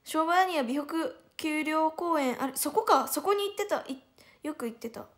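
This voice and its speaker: A woman's voice: high voice, expressive, normal speed, a bit bright. A young woman with a Hiroshima accent chatting casually on a livestream. She giggles often and answers viewers' comments one by one. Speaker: idol livestreamer.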